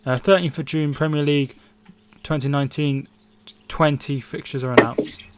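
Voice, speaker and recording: A young man from England chats through a football watchalong stream, reading viewer comments aloud as they come in. His voice sits a little high for a man. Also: steady tone, normal speed, very noisy. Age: 20s. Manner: chatty, reads out viewer comments. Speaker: livestream co-host. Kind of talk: casual football watchalong chat.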